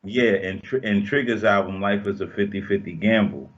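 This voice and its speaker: A rapper in his forties guests remotely for a casual interview chat, sounding laid-back and slangy and dropping playful sayings. His voice is lowish and his pace normal. The video call audio is dull and lo-fi.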